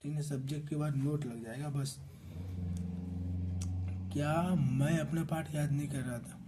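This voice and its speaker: A man with an Indian accent teaching English grammar in a slow classroom style, spelling words out letter by letter and checking in with his students. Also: fairly high pitch, fairly even intonation, over music.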